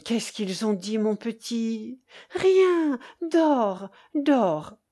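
A woman reading aloud, voicing a gentle mother who soothes her sick child in a soft, coaxing way. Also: a little high, lively intonation, drawn-out words, full character voice. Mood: soothing.

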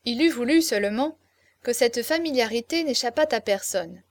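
A woman reading a classic novel aloud as narrator, in clear, even storytelling. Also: a little high, moderate pace, no room sound.

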